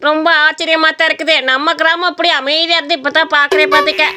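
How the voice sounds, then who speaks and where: Cartoon village uncle, loud and bossy, very high bright fast voice, a woman acting him. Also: little pitch movement, faint music behind. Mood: puzzled. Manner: blustering, shouting challenges. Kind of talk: Tamil cartoon story voice acting.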